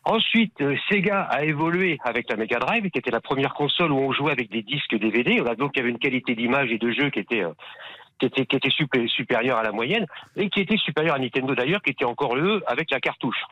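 A man's voice: medium pitch, fast, bright, forceful tone, no echo, dull audio. A man in his sixties calling a radio show, talking eagerly and rambling on. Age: 60s. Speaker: radio caller. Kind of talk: phone-in chat.

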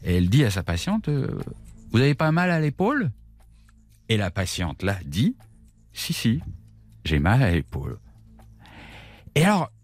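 A man telling a strange travel anecdote on a radio show, in a lively, theatrical way with whispered asides. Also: on the high side, slightly rough, no room sound. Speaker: storytelling expert. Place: radio studio.

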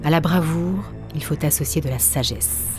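A woman voicing a wise, protective old female bear in a storybook, calm and steady. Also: deep voice, normal speed, over music, close to an everyday voice.

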